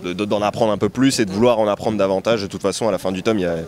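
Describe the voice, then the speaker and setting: Racing along in a lowish, fairly flat voice over crowd noise, this Portuguese interview guest in his twenties talks casually on an outdoor basketball court. The manga artist hesitates a lot, filling gaps with sounds and restarting his sentences.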